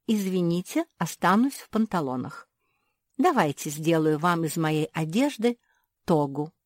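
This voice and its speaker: A woman voicing a kind, polite seamstress who talks gently. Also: fairly low pitch, lively intonation, measured pace, no room sound, studio quality. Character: kind, practical female seamstress, gentle caretaker.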